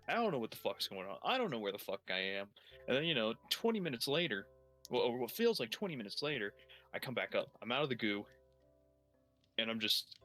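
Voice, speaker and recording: Bright-voiced man rambling an improvised tale. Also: lowish voice. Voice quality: heavy swearing, rambling with many restarts. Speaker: storyteller on a gaming stream. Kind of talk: improvised comedic storytelling.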